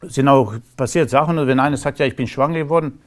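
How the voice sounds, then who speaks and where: A man's voice: medium pitch, quick pace. Emphatic man with a Romanian accent. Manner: rambling, emphatic, laughs between remarks. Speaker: interview guest. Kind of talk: casual conversational interview.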